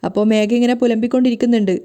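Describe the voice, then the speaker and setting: A woman narrating a TV serial recap in a steady, even storytelling manner. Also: fairly high pitch, racing.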